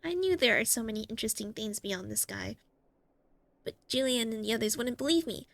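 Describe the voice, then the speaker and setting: A woman voicing an excitable, pleading little girl adventurer from a video game. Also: fairly high pitch, a little fast, creaky, no room sound. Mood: awed, excited.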